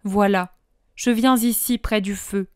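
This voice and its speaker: Woman voicing gentle forgiving Jesus, slow measured words, smooth clear voice, dry close sound. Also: mid-range voice, no room sound, close to an everyday voice. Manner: tender, measured and calm. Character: gentle merciful male Jesus, calm and forgiving.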